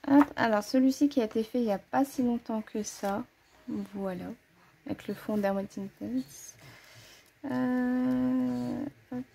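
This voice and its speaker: A woman with a slightly high, gravelly yet mellow voice speaks at a measured pace, with slight background noise, as she casually shows her coloring book collection to the camera. She's chatty, thinks aloud, corrects herself, and hesitates often with "voilà" fillers.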